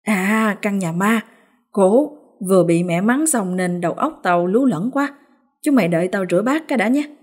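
A woman voicing a timid young village man, flustered and hurried. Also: mid-range voice, expressive, slightly rough.

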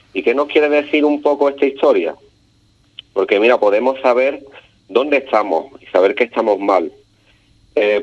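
A man with an Andalusian Spanish accent tells stories in a halting, filler-heavy way. His voice sits at an ordinary middle pitch. It comes through a dull, lo-fi phone line. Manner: hesitant, many fillers and restarts. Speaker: radio guest telling stories. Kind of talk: casual storytelling on radio.

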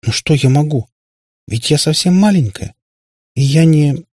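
A man's voice: fairly high pitch, expressive, a little slow, darkish tone, dry recording, pitched above the performer's own voice. A man voicing a small, frightened girl who stammers and pleads, close to tears. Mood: timid, pleading.

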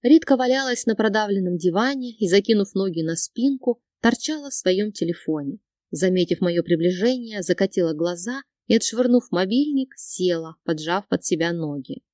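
A woman reading a first-person audiobook with steady, expressive narration. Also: medium pitch, normal speed, no room sound, clean studio sound.

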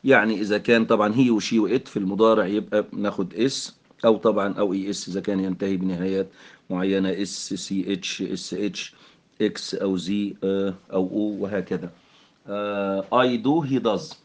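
Fast-talking Egyptian male teacher. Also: low-pitched, fairly even intonation. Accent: Egyptian Arabic. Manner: explanatory, mixes English terms, frequent fillers. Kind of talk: English grammar lesson explained in Arabic.

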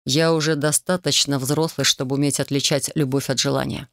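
A woman doing a calm, teasing male dragon. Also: very deep voice, brisk, no echo, studio quality. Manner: calm, teasing, soft and coaxing. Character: calm, self-assured male dragon in human form. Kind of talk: audiobook character voice.

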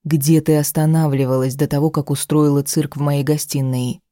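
A woman's voice: sits low, level tone, moderate pace, warm tone, dry recording, studio quality, lightly acted. A woman voicing a cruel, angry husband in an audiobook, speaking harshly and threateningly. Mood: harsh anger. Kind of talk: audiobook character reading.

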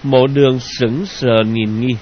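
A man narrating a novel in a slow, measured way. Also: medium pitch, steady tone. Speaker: audiobook narrator. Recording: dull lo-fi audio with hiss.

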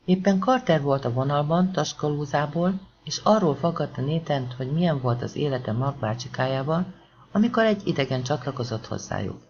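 A man reading an audiobook in a steady, measured storytelling manner. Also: a little high. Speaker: audiobook narrator. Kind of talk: scripted audiobook narration. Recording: dull lo-fi audiobook recording.

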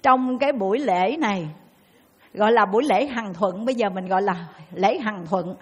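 A woman's voice: medium pitch, normal speed, breathy edge, dull audio. A woman with a Southern Vietnamese accent, a Buddhist nun giving a dharma talk and acting out the people in her stories. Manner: lively storyteller who acts out the people in her stories.

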